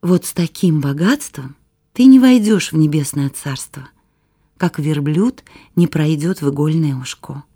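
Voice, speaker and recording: A woman explains things patiently to a child in a children's Bible program. Her voice is fairly low and mellow, with a husky, breathy grain. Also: animated, a little slow.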